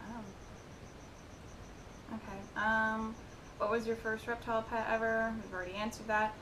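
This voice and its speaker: A young woman of twenty-one with a slightly high voice runs through viewer questions in a loose, chatty way, tossing in giggles and quick asides. She sounds like she is in a roomy, echoey space, with a steady rumble of noise underneath. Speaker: vlogger answering viewer questions. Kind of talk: casual Q&A chat. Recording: echoey room with noisy rumble.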